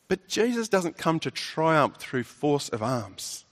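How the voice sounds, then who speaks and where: Male preacher, slightly high voice, emphatic sermon delivery with rhetorical questions. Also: sing-song, slow.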